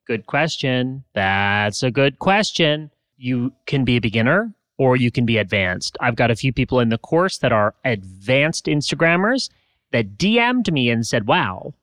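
Playful male podcast co-host. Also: no echo. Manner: playful, animated sales pitch with pet names. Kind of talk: casual podcast chat with ad read.

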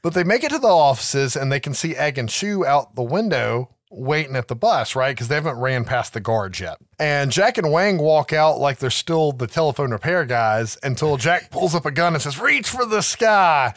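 A man's voice: mid-range voice, animated, normal speed, few pauses, no room sound, clean studio sound. A man hosting a podcast, casually retelling a film's plot with swearing and frequent "right?" asides. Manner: laid-back, swears, keeps adding "right?". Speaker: podcast host. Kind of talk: casual movie recap chat.

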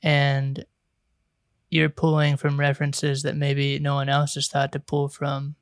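A man's voice: a little high, completely flat delivery, measured pace, clean tone, dry recording, clean studio sound. A man hosting a podcast, easygoing and steering the conversation toward his guest. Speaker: podcast host. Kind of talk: casual podcast chat.

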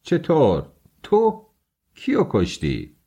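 Man doing an irritable, shrewd middle-aged magistrate in an audiobook, sharp and startled questioning. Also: a little high, wildly swooping pitch, slightly rough, pitched above the performer's own voice, full character voice.

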